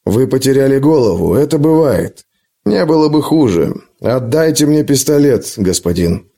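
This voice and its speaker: A man voicing a calm, respectful bodyguard who speaks quietly and evenly in an audiobook. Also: medium pitch. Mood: calm steady. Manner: quiet, measured.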